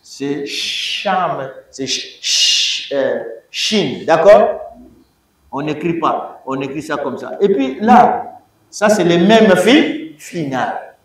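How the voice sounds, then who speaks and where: Teacher, slow and very animated, quizzes his class, recorded from afar in an echoey room. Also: on the high side, slight background noise. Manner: emphatic, repeats words and quizzes students. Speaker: Hebrew teacher. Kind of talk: university lecture. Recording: echoey room, distant mic.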